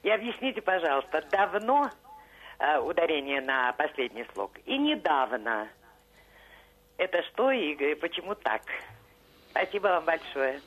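A woman's voice: deep voice, lively intonation, normal speed, fairly bright tone, husky, rough recording. A woman calling a radio show, politely asking several questions. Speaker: caller. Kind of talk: phone call to radio.

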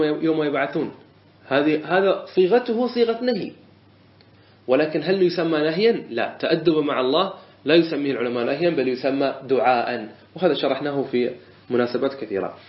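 A man teaching a classroom lesson on a religious legal text, explaining patiently, repeating phrases and asking and answering his own questions. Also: a little high. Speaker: teacher of Islamic jurisprudence. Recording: echoey lo-fi room recording.

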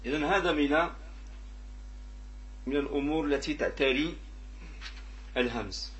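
Moroccan male teacher, bright high voice. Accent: Moroccan Arabic. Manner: explains by questioning students and repeating examples; drawn-out demonstrations of pronunciation. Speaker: Quran recitation teacher. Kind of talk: classroom lesson on tajweed.

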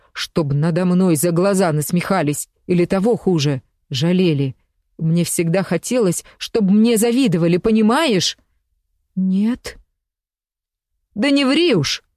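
A woman's voice: lowish voice, a little mellow, no room sound, clean studio sound. A woman reading as a bitter, envious woman of thirty-seven, heated and accusing, in an audiobook. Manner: heated, accusing, then tearful.

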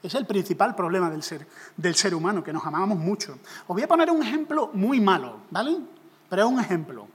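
A man preaching a humorous sermon, jokey and animated, acting out little scenes. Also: sits high, brisk, slightly rough, long reverb tail.

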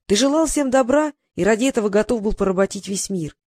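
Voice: mid-range voice, animated, fast talker, a little mellow, no room sound, clean studio sound, close to an everyday voice. A reader voicing a cheeky young male apprentice mage who lectures and mocks his enemy, in a raised voice, in a storybook reading. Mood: scolding. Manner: mocking, lecturing, sarcastic.

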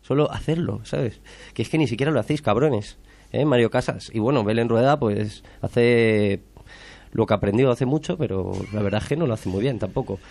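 A man's voice: mid-range voice, normal speed, gravelly, darkish tone. A man with a Spain Spanish accent, chatting casually as a podcast host and mockingly retelling a film plot. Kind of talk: casual film review chat.

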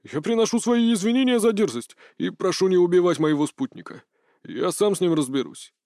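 A man's voice: high-pitched, lively intonation, brisk, darkish tone, dry recording, studio quality, voice pushed up. A man voicing a stern yet apologetic old man in an audiobook, hissing reprimands.

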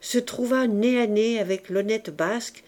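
A woman reading a classic novel aloud as an audiobook narrator, in a measured, soft way. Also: a little high. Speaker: audiobook reader.

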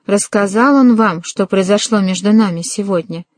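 A woman's voice: mid-range voice, moderate pace, darkish tone, no room sound, close to an everyday voice. A woman voicing a proud young woman who turns hysterical and tearful, in an audiobook reading. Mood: bitter. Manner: stiff and prim, then hysterical and tearful.

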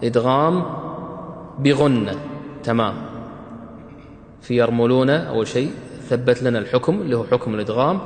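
A man's voice: mid-range voice, a little fast, long pauses, darkish tone, reverberant, big-room sound, a little hiss or hum. Man quizzing students on tajweed. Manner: quizzing students with short questions, praising answers. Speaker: Quran recitation teacher. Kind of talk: teaching tajweed rules.

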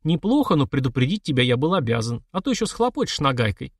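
A man's voice: medium pitch, sing-song, quick pace, slightly rough, dry recording, studio quality. A man playing a dryly ironic retired officer, a prince, in an audiobook.

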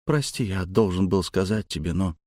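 A man voicing a young man who grumbles quietly and guiltily. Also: low-pitched, moderate pace, no room sound, studio quality, lightly acted. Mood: grumbling.

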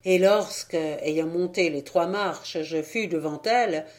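Woman narrator, unhurried, even storytelling. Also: on the low side. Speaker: audiobook reader. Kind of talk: scripted narration.

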